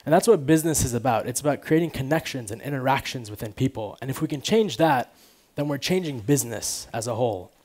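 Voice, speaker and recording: A man of about twenty, an American from Chicago born in Afghanistan, gives an informal, conversational talk as a conference speaker on a large auditorium stage before an audience, casually sprinkling in "you know" and "like." He wears a headset mic. His voice is medium-pitched and darkish, with lively intonation, and he talks fast with few pauses.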